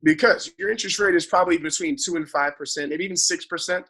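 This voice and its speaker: A man's voice: a little high, fast, husky. A man working as a financial advisor, explaining money matters in a casual conversation and often checking in with "right?". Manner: animated, talks in long explanatory runs with frequent "right?" tag questions.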